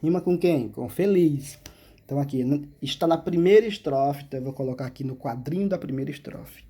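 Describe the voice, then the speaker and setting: A man's voice: a little high, a little fast, warm tone, breathy edge. A male teacher, explaining a school exercise step by step and checking in with frequent questions. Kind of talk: remote classroom lesson.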